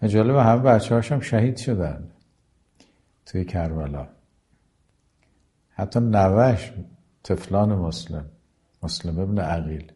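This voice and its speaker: A man giving a religious lecture who recites Arabic passages slowly and then explains them in plain everyday speech. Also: deep voice, expressive, mellow. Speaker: preacher.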